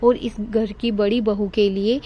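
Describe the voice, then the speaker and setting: A woman's voice: mid-range voice, little pitch movement, a little slow, muffled recording, a little hiss or hum, natural voice. A woman voicing a sly young daughter-in-law who defends herself and then pleads, in a storybook tale. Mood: pleading.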